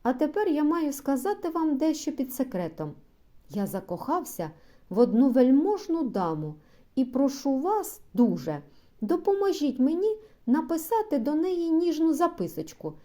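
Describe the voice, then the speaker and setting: A woman reader takes on a naive, hot-tempered bourgeois gentleman, giving him an eager, exclaiming manner and a loud, lively voice that swings high and low at a moderate pace. Her tone is mellow, warm and confiding, like a storybook comedy read aloud.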